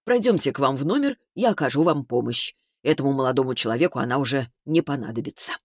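A man doing a calm, dry ship's doctor. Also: medium pitch, fast, dry recording, voice pushed down, natural voice. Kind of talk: audiobook character voice.

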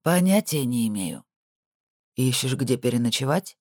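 A man's voice: medium pitch, expressive, moderate pace, dry recording. A smug, wealthy middle-aged man who left crime behind brushes off every question with mockery, as a male narrator plays him in an audiobook. The sound is dry and close. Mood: dismissive.

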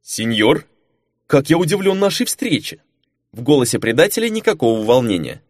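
A man's voice: medium pitch, very animated, normal speed, no echo, clean studio sound. A man voicing a composed, polite secretary who betrays nothing. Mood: cool politeness. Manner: composed and courteous. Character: calm, polite male traitor secretary.

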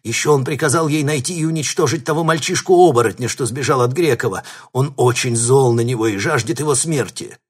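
A man's voice: lowish voice, moderate pace, hardly any pauses, husky. A man voicing a frightened young male shapeshifter pleading with his captors in an audiobook. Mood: panicked. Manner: pleading, babbling.

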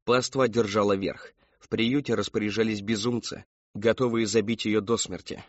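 A man reading an audiobook in measured scripted narration. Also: lowish voice, steady tone, dry recording. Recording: dull dry studio read.

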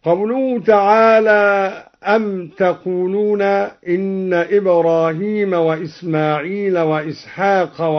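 A man explaining Quran reading variants in a measured, scholarly way, quoting verses in a light chant, on a dull archival radio recording. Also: sits high. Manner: slow, deliberate, quotes verses in a light chant. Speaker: Quran recitation teacher.

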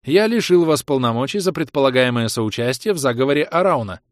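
A man voicing a cold, emotionless computer that governs a colony, speaking in flat commanding tones. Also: mid-range voice, brisk, dry recording, studio quality, pitched above the performer's own voice, lightly acted.

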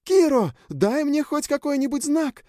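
Shrill furious spirit girl, voiced by a man, very high and jumpy. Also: big pitch swings, normal speed, no room sound, clean studio sound. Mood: panicked. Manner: shrill, yelling, insulting. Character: furious young female spirit in the hero's head.

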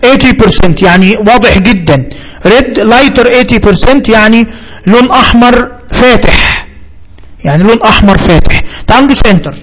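Heard on a rough recording, this man has a high, slightly bright voice and a fairly quick pace. He is a computer instructor with an Egyptian Arabic accent, teaching screen-reader software by musing aloud and going over each term repeatedly.

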